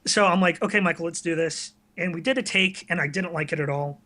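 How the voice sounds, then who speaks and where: Guesting on a podcast, this online video creator from the US tri-state area chats casually, sharing frank stories that poke fun at himself. He talks quickly in a fairly high, sharp-toned voice.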